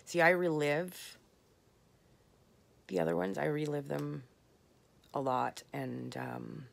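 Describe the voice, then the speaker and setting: A woman talking candidly in a late-night personal vlog, tired and slurring her words, rambling with soft pauses. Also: low-pitched, flat delivery, gravelly. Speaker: vlogger.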